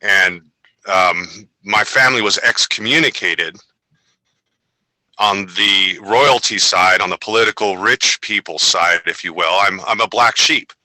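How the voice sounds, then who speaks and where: A man talks over a video call in a low, sharply bright voice, with a very dry, close sound. He tells stories in an animated way and drops into playful voices along the way. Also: unhurried, no echo, poor audio. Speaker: network member, roundtable guest. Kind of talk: casual video call chat. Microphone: video call microphone.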